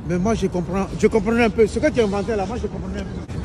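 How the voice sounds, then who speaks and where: A man's voice: sits high, fairly even intonation, rapid-fire, background noise. A man on a city street, earnestly interpreting and insisting he understood, repeating yes and voilà. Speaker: street interpreter, prank target. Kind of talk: improvised interpreting.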